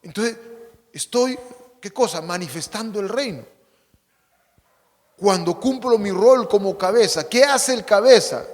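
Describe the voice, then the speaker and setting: Guy preaching, high voice, asks the crowd questions, goes loud then soft, big echoey church. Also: a little slow, long pauses. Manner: preaching with rhetorical questions and call-and-response; swings between emphatic loud lines and quiet low asides. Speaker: pastor. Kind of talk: sermon. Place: church sanctuary.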